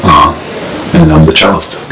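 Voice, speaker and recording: A young man with a very deep voice speaks earnestly, restarting phrases as he goes. His voice rings a little in a roomy indoor space. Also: fairly even intonation, measured pace, vocal fry, bright, forceful tone, slight background noise. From New Jersey, USA. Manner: earnest, self-correcting. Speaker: cellist being interviewed. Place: bright room indoors.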